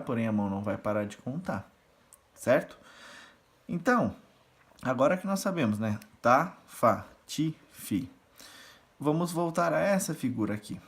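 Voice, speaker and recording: A man teaching rhythm reading and solfège, patiently explaining and counting syllables aloud as he conducts the beat. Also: medium pitch. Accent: Brazilian Portuguese. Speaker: music teacher.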